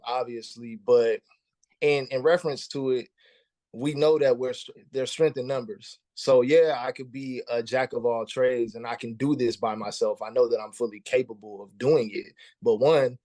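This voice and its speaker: A laid-back musician in his thirties chats casually in an interview, slangy and often repeating words as he starts a thought. His medium-pitched voice is fairly even and darkish, at a normal speed, recorded dry.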